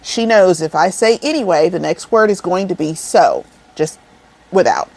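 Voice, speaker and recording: A woman's voice: on the low side, lively intonation, moderate pace, a little mellow. A woman in her forties chatting casually to her viewers, rambling and calling them y'all, seated indoors. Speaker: crochet vlogger. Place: indoors, seated over an air vent.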